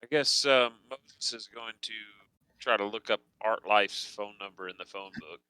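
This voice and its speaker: A man's voice: lowish voice, moderate pace, pushed and bright, smooth, dry recording. A man playing a tabletop game, talking tentatively and joking. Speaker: player. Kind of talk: casual tabletop play.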